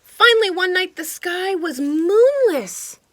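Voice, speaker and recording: This studio-quality clip, with no room sound, features a very high-voiced woman reading a picture book slowly to children. An animated storytime host, she speaks directly to her young audience in asides, pointing things out.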